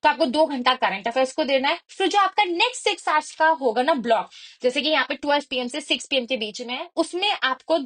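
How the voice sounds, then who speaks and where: A woman who preps students for exams explains a study routine in a high, animated, fast, slightly bright voice. She talks conversationally in a mix of Hindi and English and checks in with her listeners often.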